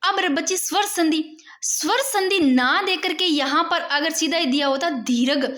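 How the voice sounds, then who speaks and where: High-voiced woman teaching a grammar lesson. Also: a bit bright. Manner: repeats example words slowly, addresses students as bhai.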